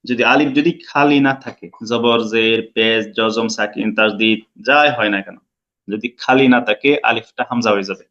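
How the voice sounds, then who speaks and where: A man's voice: on the low side, fairly even intonation, moderate pace, a bit bright, dull audio. A man teaching an online lesson, explaining step by step and quizzing his students. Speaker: Quran recitation teacher.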